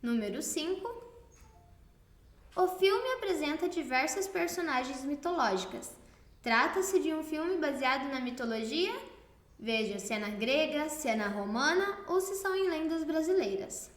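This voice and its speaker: A Brazilian woman teacher recording a lesson for children, her voice high and very lively. She slows down and leans hard on stressed syllables. The sound is roomy and echoey. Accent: Brazilian Portuguese. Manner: slow, emphatic, stresses syllables clearly.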